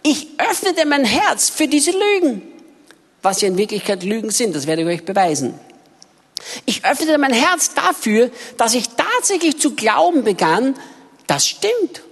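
A woman interpreting a preacher's sermon, her voice pitched a little high and swinging widely as she tells the story with emphatic, expressive delivery. The sound rings with a long hall reverb. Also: a little slow, husky.

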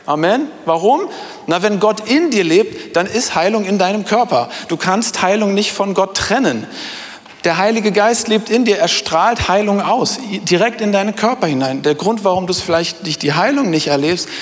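A man's voice: high-pitched, expressive, normal speed. A middle-aged man preaching a sermon, speaking emphatically and addressing his congregation directly. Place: church hall before a congregation. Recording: reverberant hall sound.

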